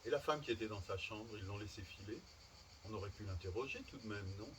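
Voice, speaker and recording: A man's voice: on the high side, sing-song, fairly quick, recorded from a distance, noisy background. A man reading as a bewildered old mother. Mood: suspicious. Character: elderly mother, bewildered and suspicious.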